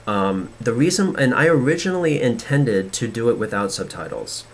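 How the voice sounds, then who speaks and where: A man's voice: medium pitch, very animated, normal speed, breathy edge. A man hosting a podcast, talking in a casual, rambling way with many restarts and fillers. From United States. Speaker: podcast host.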